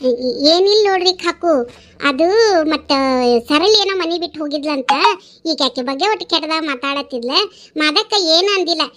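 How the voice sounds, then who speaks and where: A fretful village woman from a cartoon, explaining and pleading in a North Karnataka Kannada accent. Her voice is very high and bright, and she frightens easily. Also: moderate pace. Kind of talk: cartoon voice acting.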